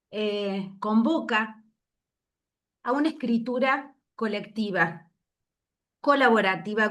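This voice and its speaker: A woman giving an invited talk over a video call, moved and reflective, pausing often with fillers. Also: mid-range voice. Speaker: invited speaker.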